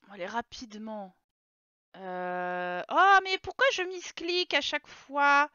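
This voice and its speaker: Woman streamer, high bright voice, chatty live play-by-play, talks to her characters. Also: fairly even intonation, measured pace, smooth, dry recording, highs cut off. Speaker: game streamer. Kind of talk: casual live gameplay commentary.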